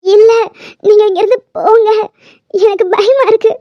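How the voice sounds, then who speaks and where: Woman as scared childlike patient, cartoon drama, squeaky high, muffled lo-fi. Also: fairly even intonation, moderate pace. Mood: fearful pleading. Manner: pleading, fearful, childlike. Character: terrified young woman patient, locked away, childlike. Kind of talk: cartoon voice acting. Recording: dull lo-fi sound.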